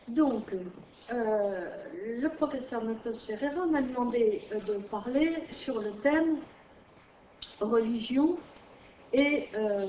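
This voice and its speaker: Middle-aged woman, visiting historian, slow hesitant lecture with plenty of fillers, heard from far off in an echoey room. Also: a little high, slight background noise. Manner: hesitant, many fillers and restarts. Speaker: visiting historian giving a conference talk. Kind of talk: academic lecture. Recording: distant, roomy, dull lecture-hall recording.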